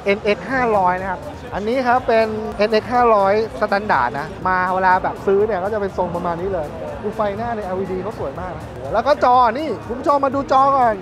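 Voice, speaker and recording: A man in his thirties presenting bikes at a busy indoor motor show in a lively, chatty way, speaking into a lapel mic. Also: high-pitched, fast. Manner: lively, chatty, points things out. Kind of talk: casual walkaround presentation. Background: music.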